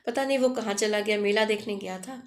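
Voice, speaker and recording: A woman's voice: mid-range voice, brisk, close to an everyday voice. A woman voicing a distraught elderly village mother who pleads tearfully for her lost son. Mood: pleading.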